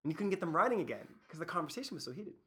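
Animated man, product manager interviewee. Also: on the high side, rapid-fire. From Canada. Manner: animated storyteller, acts out other people's lines. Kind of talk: interview answers.

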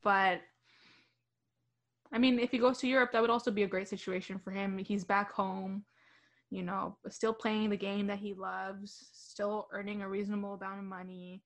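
A young woman co-hosting a hockey radio show, chatting casually with many fillers and quick laughs. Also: mid-range voice, flat delivery. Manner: chatty, giggly, with fillers and restarts. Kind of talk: casual sports chat.

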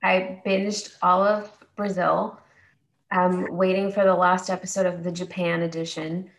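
A woman's voice: lowish voice, flat delivery, measured pace, low-quality recording. A woman co-hosting a podcast in casual, informal conversation. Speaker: podcast co-host. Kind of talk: casual chat.

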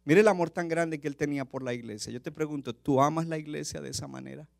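A man preaching with fervor, his voice sitting a little higher than most men's. The sound is dry and close, with no room echo. He swings from loud, urgent calls to soft, intimate asides. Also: fairly even intonation, fast, gravelly. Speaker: pastor. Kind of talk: sermon.

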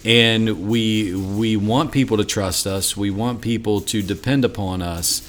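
Hosting a podcast for ministry assistants, this man has a lowish, steady, fairly bright voice and an unhurried pace. The chat is casual and rambling, and he repeats words as he restarts his thoughts.

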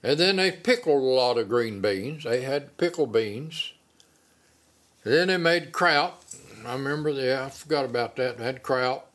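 Childhood memories come from an older Appalachian man in a casual oral-history interview, told in down-home country wording. He speaks at a moderate pace, with a medium pitch and a fairly bright tone.

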